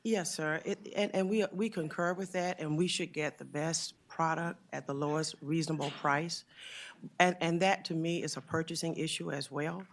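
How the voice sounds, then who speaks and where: A man giving formal testimony to a legislative committee, earnest and deliberate, pausing often with fillers. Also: on the high side, steady tone. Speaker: witness testifying before a committee.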